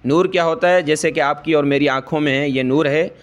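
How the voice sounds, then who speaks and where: A man teaching Quran recitation. He explains each rule slowly, checks in with "ठीक है" over and over, and chants the verses long and drawn out. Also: on the high side, fairly even intonation. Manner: says "ठीक है" often to check the listener. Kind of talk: Quran tajweed lesson.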